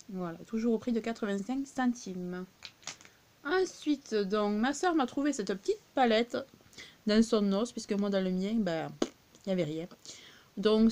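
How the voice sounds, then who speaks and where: Woman, southern French accent, fairly high pitch, casual haul chat, talks straight to viewers. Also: darkish tone. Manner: chatty, many fillers, talks to viewers directly. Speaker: vlogger showing a discount-store haul. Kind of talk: casual chatty haul video.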